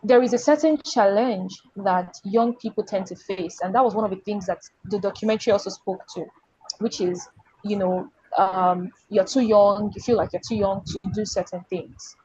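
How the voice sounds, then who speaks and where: A woman's voice: medium pitch, steady tone, normal speed, darkish tone, breathy edge, dry recording, dull audio. A woman hosting an online panel over a video call, circling back and restarting her questions. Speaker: panel host.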